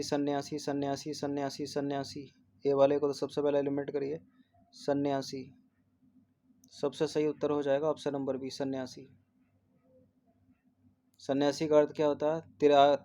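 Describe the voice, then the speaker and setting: Guy teaching spelling for an exam, flat monotone, warm dark voice, keeps repeating each word. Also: a little high. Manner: mixes English numbers and terms into Hindi. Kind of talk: exam test-series answer walkthrough.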